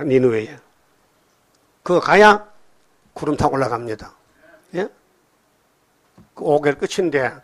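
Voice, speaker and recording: Male pastor, sermon, lively storytelling, prods listeners with questions, fairly high voice. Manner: animated storytelling, often prodding listeners with questions.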